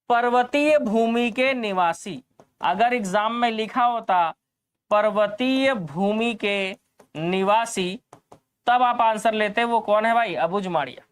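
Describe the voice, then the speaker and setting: A man's voice: high-pitched, takes it slowly, smooth, no room sound. A man teaching an exam-prep lesson, explaining answers, repeating key points and asking the class rhetorical questions.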